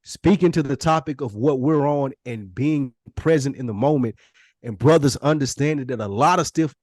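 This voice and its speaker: A man's voice: mid-range voice, moderate pace, darkish tone, dry recording, studio quality. Blunt, emphatic man on a podcast. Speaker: podcast co-host. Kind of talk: casual podcast chat.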